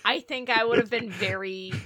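A woman's voice: a little high, moderate pace, sharp tone, no echo, clean studio sound. A young woman co-hosting a casual movie recap podcast, emphatic and jokey, often laughing into her lines. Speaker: podcast co-host.

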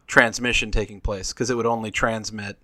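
A man co-hosting a podcast in casual chat, rambling and restarting his thoughts as he speculates out loud. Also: on the low side, flat delivery, brisk, no room sound. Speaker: podcast co-host.

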